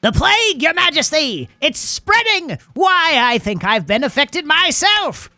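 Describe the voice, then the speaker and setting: A man's voice: very high voice, very animated, a little slow, pushed and bright, no echo, faint music behind, pitched above the performer's own voice, exaggerated voice. A man voicing a panicked, pleading baron who cannot stop hopping, in a fantasy game. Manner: frantic, pleading. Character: frantic male baron, panicked, hopping while dancing.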